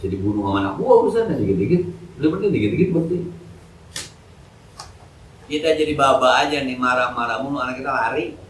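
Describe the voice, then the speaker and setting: A man's voice: medium pitch, animated, fast talker, pauses often, a little hiss or hum. A man giving a casual, joking evening sermon at a mosque, full of colloquial street slang. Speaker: ustadz giving an Islamic study lecture. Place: mosque hall. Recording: echoey hall, mic from a distance.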